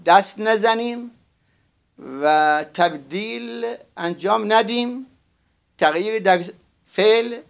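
A man teaching a grammar lesson to a class. His voice sits high and carries a gravelly edge, and he stretches out each word he spells while checking that his students follow along. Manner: slow, drawn-out spelling of words, asks class to confirm.

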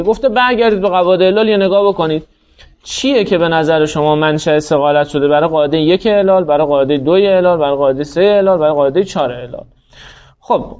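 A man's voice: high voice, a little mellow, dull audio. A man teaching a grammar class, explaining each rule step by step and quizzing his students as he goes. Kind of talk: classroom lecture.

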